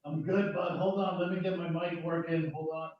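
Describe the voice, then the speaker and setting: A man's voice: on the high side, flat delivery, normal speed. Male podcast guest, casual, lo-fi and distant, heavy cave echo. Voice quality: distant, cavernous echoing sound. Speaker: guest, media company owner. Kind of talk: casual chat. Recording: echoey, distant laptop mic, dull lo-fi.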